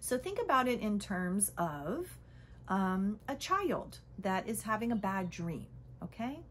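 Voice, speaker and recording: A woman speaking in a casual, teaching manner, her pitch sitting in a middle range. She keeps checking in with her listener and sometimes drops into a gentle whisper. A faint background noise hums beneath the recording. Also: sing-song, slow pace. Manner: conversational, frequent "okay?" and "right?" check-ins; drops to a soft whisper at times. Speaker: spiritual teacher. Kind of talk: casual spiritual teaching talk.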